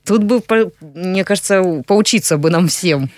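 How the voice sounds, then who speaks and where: A woman's voice: lowish voice, moderate pace, a little mellow, no room sound, clean studio sound. A woman interviewing a young guest, asking supportive, encouraging questions.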